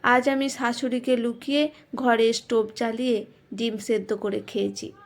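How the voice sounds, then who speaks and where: A woman voicing a loud, boastful, defiant village housewife in a spoken story. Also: fairly high pitch, little pitch movement, moderate pace, lightly acted. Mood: sly. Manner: loud and boastful, cannot whisper.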